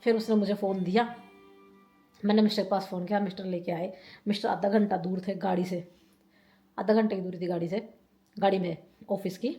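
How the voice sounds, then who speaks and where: A woman's voice: mid-range voice, fairly even intonation, fairly quick, pauses often, dark tone, faint music behind. A woman from India telling a story in a casual vlog. She talks in a rambling, chatty way, often laughing and repeating herself. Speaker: vlogger.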